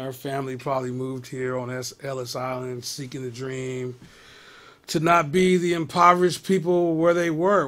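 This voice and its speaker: A comedian hosting a live web show, riffing on news stories and talking straight to his viewers in a casual, exasperated way. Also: mid-range voice.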